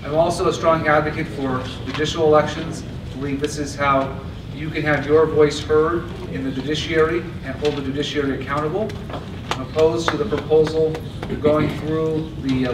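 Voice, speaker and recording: A man giving a steady, earnest convention stump speech at a podium microphone. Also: fairly high pitch, normal speed. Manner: earnest, steady delivery with occasional restarts. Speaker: party chair candidate. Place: large convention hall, indoors. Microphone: podium mic on stand. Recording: echoey hall from a far camera with noise.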